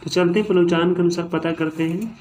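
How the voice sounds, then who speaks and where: A man with a high-sitting, darkish voice speaks quickly with fairly even intonation. In a classroom-style grammar lesson he splits words syllable by syllable and repeatedly checks in with students using "ठीक है" and "है ना."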